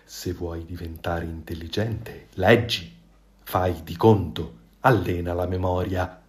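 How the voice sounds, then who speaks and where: A man voicing a sly, impatient male fox with a low, scheming, exasperated manner in a storybook reading. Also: fairly even intonation, takes it slowly.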